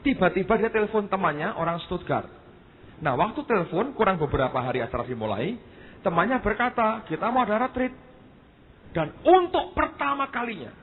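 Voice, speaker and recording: Male pastor, storytelling sermon, slightly high voice, tinny lo-fi sound. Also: a little hiss or hum. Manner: storytelling, often addressing the congregation as "saudara". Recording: tinny phone-like sermon recording.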